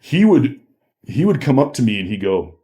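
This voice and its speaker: A man from Minneapolis, USA, a DJ and personal trainer, is a guest on a podcast, telling stories in a casual, joking, informal way. His medium-pitched voice is mellow and sing-song, at a moderate pace.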